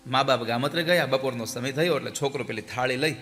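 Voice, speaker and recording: Bright-voiced male preacher telling a story. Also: medium pitch, fast. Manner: animated, exhorting storyteller. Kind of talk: devotional sermon storytelling. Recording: hall reverb with faint music.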